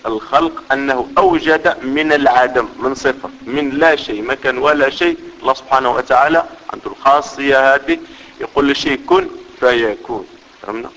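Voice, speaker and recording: A man's voice: medium pitch, sharp tone. A man giving a religious lesson, explaining step by step and often checking that listeners follow. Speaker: religious teacher. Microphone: microphone. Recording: dull reverberant hall recording.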